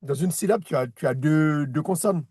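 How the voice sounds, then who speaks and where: Male teacher, patient one-on-one explainer, fairly high voice, dry room. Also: normal speed, darkish tone, slightly rough, no room sound. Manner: patient, repeats words, many restarts. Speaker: Hebrew teacher. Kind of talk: one-on-one reading lesson.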